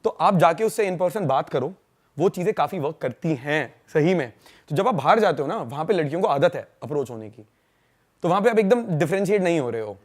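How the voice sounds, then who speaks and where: A young man from India, a podcast guest, telling stories in a fast, slangy, casual way and laughing along. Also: a little high, lively intonation. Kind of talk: casual storytelling chat.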